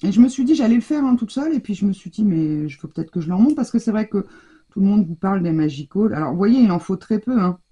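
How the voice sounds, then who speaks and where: A woman's voice: mid-range voice, animated, quick pace, warm tone, husky. A woman chatting to viewers as she demonstrates a craft technique, talking while she works and often restarting her sentences. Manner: talks straight to viewers while working, restarts and trails off. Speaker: craft tutorial host.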